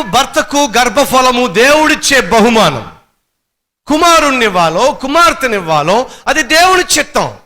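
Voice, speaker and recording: Animated, high-pitched Telugu-accented preacher. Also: male voice. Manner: animated preaching with rhetorical questions and acted quotes. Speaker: pastor. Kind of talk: sermon.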